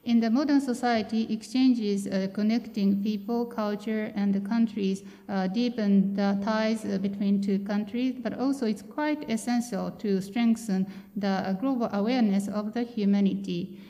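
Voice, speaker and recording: A woman interpreting a speech into English, steady with filler pauses. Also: mid-range voice. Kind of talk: consecutive interpreting. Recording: reverberant hall.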